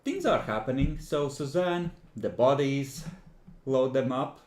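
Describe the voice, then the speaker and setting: Unhurried male game master, echoey room. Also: medium pitch, expressive, darkish tone. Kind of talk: improvised tabletop game narration and chat.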